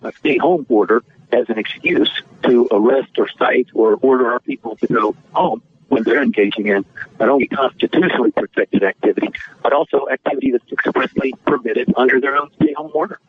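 Husky man speaking over the phone. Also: medium pitch, no echo. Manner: earnest, measured, frequent filler pauses. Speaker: attorney guest. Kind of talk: radio interview guest. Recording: tinny dry phone line.

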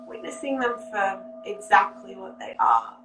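A woman guides a meditation in a soothing, unhurried voice that lingers on each word. She sounds set back from the mic in an echoey room. A faint hum runs underneath. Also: mid-range voice, very animated, far from the mic, over music. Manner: slow, soothing, spacious pauses.

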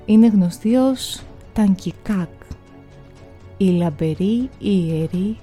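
A woman reads a folk tale aloud in a measured, expressive storytelling style. Her voice is very dark and mellow, and faint music runs quietly beneath it. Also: medium pitch. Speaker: narrator.

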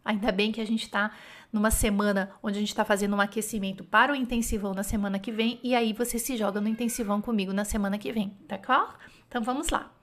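A woman's voice: mid-range voice, steady tone, quick pace. A woman teaching French in a casual online lesson, chatty and encouraging, often thinking aloud and correcting herself. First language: Portuguese.

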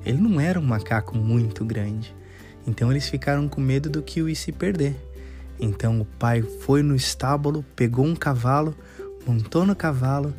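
A woman narrating a children's story in an animated, drawn-out sing-song way. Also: very deep voice.

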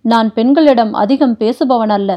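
A woman's voice: fairly high pitch, muffled recording, close to an everyday voice. A woman voicing a grave, towering old warrior-prince. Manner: grave, measured, formal. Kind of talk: audiobook character reading.

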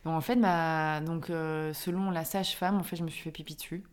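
Podcast guest: Belgian woman, thirties, lively storyteller, lower voice. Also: a little fast, clean tone. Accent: Belgian French. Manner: animated storytelling, laughs often. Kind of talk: casual chat.

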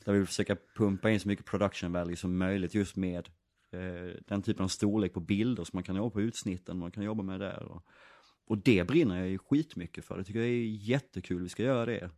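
A man talks through his answers with a very low, deep voice. He rambles thoughtfully, full of fillers and restarts. The sound is dry and close. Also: fairly even intonation, darkish tone, dry recording. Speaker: actor and director. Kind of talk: casual interview answers.

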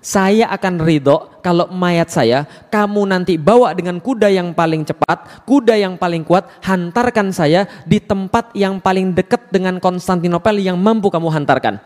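A man voicing a stubborn, devout eighty-year-old warrior who talks in a firm, low, solemn way. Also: normal speed, darkish tone, long reverb tail, lightly acted.

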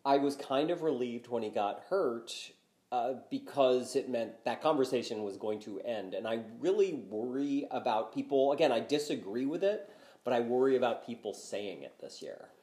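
A man's voice: medium pitch, animated, moderate pace, warm tone. An older man co-hosting a podcast, chatting casually about basketball with lots of "you know" and restarts. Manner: rambling, many fillers and restarts. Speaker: podcast co-host. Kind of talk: casual sports talk. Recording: roomy echo.

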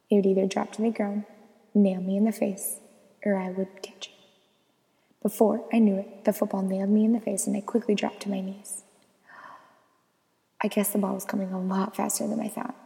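A young woman narrating a scripted personal story in an expressive, storytelling way. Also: mid-range voice, gravelly, long reverb tail, rough recording. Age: young adult.

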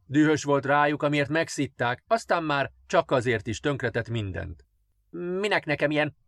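A man narrating children's fairy tales in a gentle, expressive reading. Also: medium pitch, no room sound. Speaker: audiobook narrator. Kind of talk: storybook narration.

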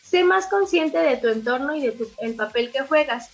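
A woman reading the weekly horoscopes on a radio show, in a steady and lightly informal way, over a remote line. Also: high-pitched, normal speed, dull audio. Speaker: horoscope reader.

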